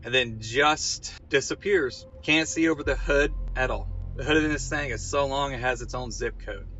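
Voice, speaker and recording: Bright-voiced man telling a wry comic story. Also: mid-range voice, normal speed, lo-fi sound, a little hiss or hum. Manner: dry, wry asides and punchlines.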